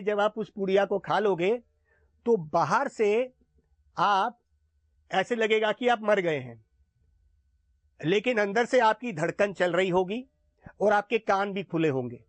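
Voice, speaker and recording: A man voicing a calm, wise old male guru who speaks gently to grieving villagers. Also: high-pitched, no echo.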